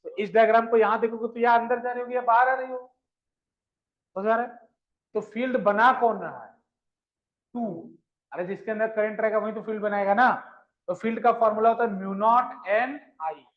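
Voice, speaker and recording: High-voiced man teaching physics to a class. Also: fairly even intonation, normal speed. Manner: asks questions and repeats them, coaxing pupils; addresses students fondly as children. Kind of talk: classroom lecture. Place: classroom with students. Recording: dull lo-fi sound.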